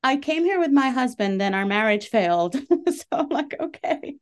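A middle-aged Lebanese woman, a comedian and show producer, answers interview questions earnestly and chattily, with plenty of fillers and easy laughter. Her voice is high-pitched and animated at a normal speed.

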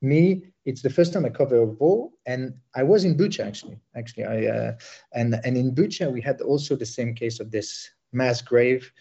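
Bosnian-born male war correspondent, halting field report, dark voice over a dull line. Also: medium pitch, vocal fry, husky. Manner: halting, many fillers and restarts.

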